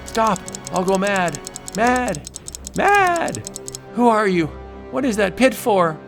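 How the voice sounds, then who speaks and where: A man's voice: sits high, lively intonation, slow pace, vocal fry, fairly bright tone, faint music behind, voice pushed up, exaggerated voice. A man voicing a panicking, arrogant doctor's spirit in a melodramatic vintage horror comic book narration. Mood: frantic panic. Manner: melodramatic, frantic pleading.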